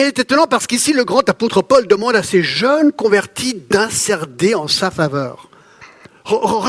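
A man with a high-pitched voice preaches to his congregation. His delivery is conversational and lively, full of asides, repetitions and playful touches between the serious points. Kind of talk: sermon.

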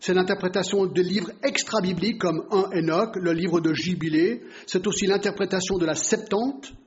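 High-voiced man teaching the Bible. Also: normal speed. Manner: explanatory, asks the listeners rhetorical questions. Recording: dull lo-fi recording.

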